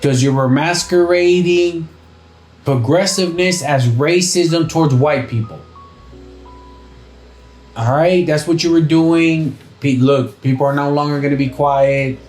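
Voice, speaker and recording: A man's voice: a little high, measured pace, a little mellow, faint music behind. A man hosting a podcast, ranting in a profane, combative, swaggering way. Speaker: podcast host. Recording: echoey room.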